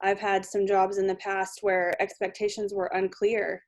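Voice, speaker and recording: A woman joins a book club discussion over a video call. She speaks in a steady, reflective way, in a middle pitch. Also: moderate pace. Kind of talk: casual chat on a video call.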